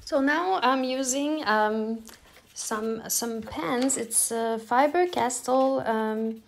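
In this casual voice-over tutorial, a middle-aged Quebec woman whose native language is French walks through her artwork in Quebec-accented English. Her voice sits on the high side with vocal fry, and there's slight background noise. She stays relaxed and calm but hesitant, pausing often and using many fillers and restarts.

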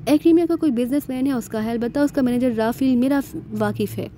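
A man's voice: very high-pitched, quick pace, dark tone, slight background noise. A woman voicing a practical, matter-of-fact male companion.

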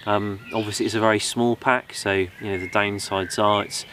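Young male outdoor host, low voice, loose rambling delivery, faint forest ambience behind. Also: moderate pace, slight background noise. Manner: relaxed, rambling, many ums and you knows. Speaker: bushcraft channel host. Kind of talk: casual gear review.

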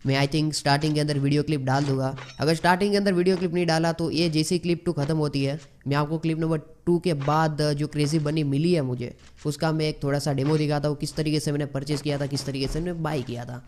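A man from India giving excitable gameplay commentary as a gaming YouTuber, mixing English slang into his talk. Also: fairly high pitch, quick pace, a little hiss or hum. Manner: excitable, mixes English slang into Hindi, frequent exclamations.

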